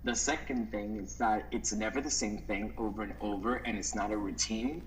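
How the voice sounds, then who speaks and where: A man from the Dominican Republic, a modeling agent, telling stories in a relaxed, casual interview with many "like" fillers. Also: lowish voice, moderate pace, slight background noise, rough recording. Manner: relaxed storytelling, frequent "like" fillers.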